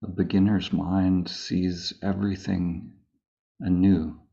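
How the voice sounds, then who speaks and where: Long pauses punctuate the short, evenly toned phrases of a man teaching meditation live. His gravelly, low voice remains calm throughout the slow session, though the audio is a bit muffled and dull.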